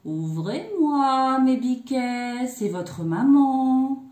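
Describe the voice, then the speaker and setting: Brief: cunning storybook wolf, slow sugary put-on voice, a woman voicing it, roomy sound. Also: sits high, sing-song, a little mellow, voice pushed up, exaggerated voice. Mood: falsely sweet. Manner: slow, drawn-out, falsely sweet. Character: sly male wolf faking a sweet mother's voice. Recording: echoey room.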